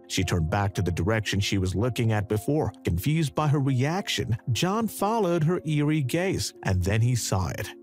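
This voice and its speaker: A man tells a dramatic true story in a scripted voice-over with background music underneath. He narrates at a moderate pace with few pauses, his pitch animated as he builds the drama.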